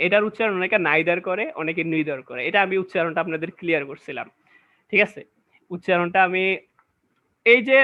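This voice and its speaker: A man gives a classroom-style grammar lecture. He explains step by step and keeps asking whether his listeners follow. The recording is dull and lo-fi. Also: sits high. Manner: explains step by step, often checks understanding with questions. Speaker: English grammar teacher.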